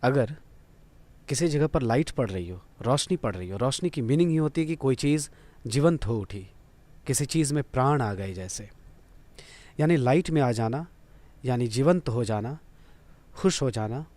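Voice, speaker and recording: Male teacher voice, steady and patient, repeating key words for a vocabulary lesson. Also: mid-range voice. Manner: explains slowly, repeats and spells out words. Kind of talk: lesson on vocabulary with memory tricks.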